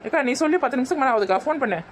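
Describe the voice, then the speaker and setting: A woman's voice: high voice, expressive, rapid-fire, a little hiss or hum. A woman, bossy and pleading by turns in a comic sketch.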